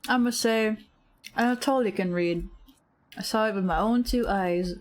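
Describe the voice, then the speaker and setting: A woman streams a game from home into a desk microphone. She chats in a rambling, casual way at a middling pitch, her voice jumping up in sudden squeaks of surprise between asides. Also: moderate pace. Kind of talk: casual game commentary while reading dialogue aloud.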